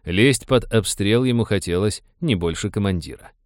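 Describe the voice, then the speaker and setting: A man narrating an audiobook in a steady, wry storytelling manner. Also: fairly low pitch, normal speed, no echo, clean studio sound.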